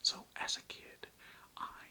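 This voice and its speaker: Speaking slowly with a bright, forceful tone, a young creator whispers near the mic while showing off toys for ASMR. It's a loose, rambling, informal show-and-tell, sprinkled now and then with swear words.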